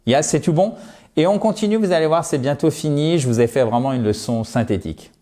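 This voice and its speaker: A man teaching an English lesson, explaining slowly and repeating each word to model its pronunciation. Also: fairly high pitch, warm tone. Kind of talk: online language lesson.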